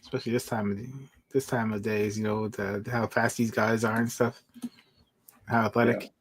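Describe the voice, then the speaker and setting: Man, 40s, stream host; easygoing chat, quick laughs, reads viewer comments aloud. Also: on the low side, level tone, slight background noise. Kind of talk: casual livestream chat.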